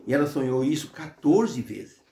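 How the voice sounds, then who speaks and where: A man's voice: medium pitch, lively intonation, moderate pace, heavy background noise. A man teaching a Bible lesson through devotional storytelling, talking conversationally with frequent hesitations. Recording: roomy echo.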